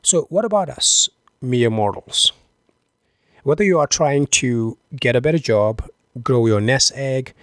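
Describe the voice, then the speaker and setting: A man hosting a podcast, giving a scripted motivational talk with deliberate phrasing and rhetorical questions. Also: mid-range voice, fairly bright tone, no room sound, clean studio sound. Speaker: podcast host.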